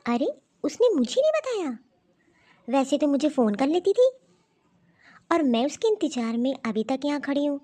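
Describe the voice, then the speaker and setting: In a cartoon story, a woman plays a gentle, busy young daughter-in-law who seems confused and frequently mutters to herself. She speaks high-pitched at a moderate pace, leaving long pauses.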